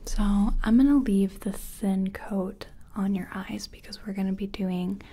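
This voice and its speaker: A woman with a steady, medium-pitched voice whispers breathily through a soft-spoken ASMR role-play as a friendly makeup artist, a self-taught competition contestant. Gentle and unhurried, she chats and offers quiet reassurance while she works.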